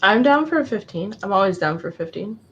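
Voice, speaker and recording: A woman's voice: medium pitch, a little fast, highs cut off, slight background noise. A woman co-hosting a live writing stream, joking and reading out viewer comments casually. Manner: animated, jokey, reads out viewer comments. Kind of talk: casual chat.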